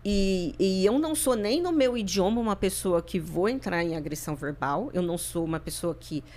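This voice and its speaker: A woman's voice: fairly low pitch, normal speed, a little mellow. A woman from Brazil speaks as a podcast guest. She talks in a reflective, searching way, repeating and restarting her words as she works through what she means. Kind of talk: personal interview talk.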